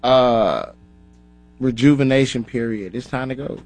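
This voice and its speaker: A man's voice: mid-range voice, a little slow, a little mellow, no echo, faint music behind. Laid-back slangy rapper man. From Minnesota, grew up in Atlanta. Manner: laid-back, slangy, says "you know what I'm saying" often. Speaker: rapper, radio guest. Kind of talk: casual interview.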